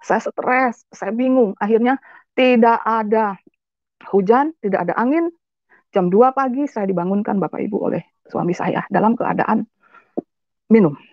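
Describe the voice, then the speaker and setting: A woman's voice: a little high, measured pace, dry recording, dull audio. A woman giving an emotional personal testimony, often turning to address her audience directly. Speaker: testimony speaker.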